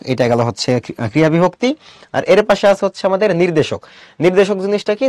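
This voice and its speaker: A man's voice: on the high side, darkish tone, no room sound, clean studio sound. A young adult man teaching an online class, explaining step by step and asking his students questions.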